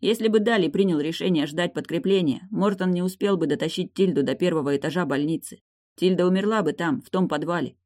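A reader voicing a wounded man who gently reassures his crying wife in an audiobook. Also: medium pitch, fast talker, natural voice. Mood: tender. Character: wounded man, tender, consoling husband.

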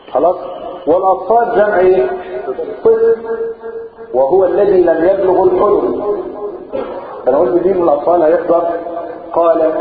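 A man with an Egyptian Arabic accent teaching Quran recitation rules, questioning his listeners and answering himself, drawing words out slowly when quoting the text. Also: on the high side. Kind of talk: classroom lesson explaining verses. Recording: echoey, phone-like, listeners audible.

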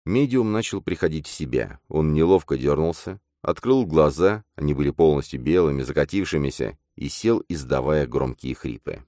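A man narrating an audiobook in a steady, measured way. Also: very deep voice, dry recording, clean studio sound.

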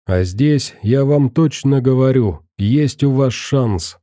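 A man's voice: medium pitch, takes it slowly, dark tone, no echo, studio quality, natural voice. A man voicing an earnest young metro survivor who talks insistently to a group of captives, in an audiobook.

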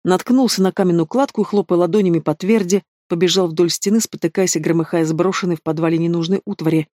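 An audiobook reader narrating a dark urban fantasy in a steady, measured way. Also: medium pitch, dry recording, studio quality.

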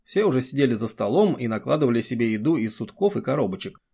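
A man narrating an audiobook in an even, quiet reading voice. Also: mid-range voice, fast, vocal fry, slightly rough. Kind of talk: scripted narration.

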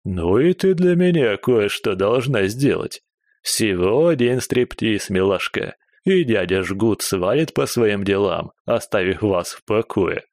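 A man's voice: on the low side, animated, unhurried, darkish tone, no room sound, clean studio sound. A man voicing a swaggering, brutish male thug who talks in a sneering, coarse way. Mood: mocking. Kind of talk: audiobook character voice.

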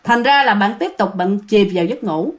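A woman narrating ghost stories in a casual, animated way, talking straight to her listeners. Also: mid-range voice, normal speed, soft background music. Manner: animated, addresses listeners as "các bạn". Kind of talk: casual spoken storytelling.

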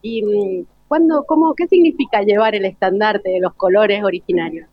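A woman with an Argentine accent and a mid-range voice hosts radio, conducting live interviews from a school event on a remote broadcast. She speaks at a normal speed with no room sound, though the radio link sounds dull and lo-fi.

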